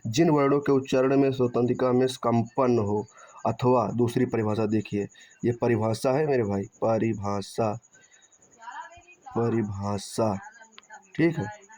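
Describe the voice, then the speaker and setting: A man's voice: medium pitch, steady tone, measured pace, mellow. A man teaching Hindi grammar in an online lesson, repeating points, asking and answering his own questions and checking in with "theek hai". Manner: drags out syllables when spelling sounds. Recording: dull, muffled lo-fi recording.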